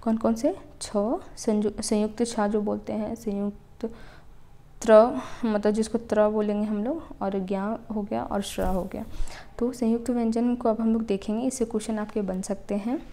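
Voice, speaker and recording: A woman teaches an exam-prep grammar lesson. Her voice sits at an ordinary middle pitch a dark, mellow tone. She sounds out each letter slowly and checks in her students after almost every point. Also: level tone. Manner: explains step by step, repeating "ठीक है" to check understanding.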